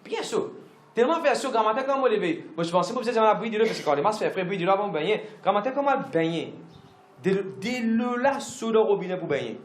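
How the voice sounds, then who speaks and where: A man's voice: sits high, animated, quick pace, echoey room, slight background noise. A man pastor, preaching a sermon emphatically with lots of repetition and English phrases mixed in.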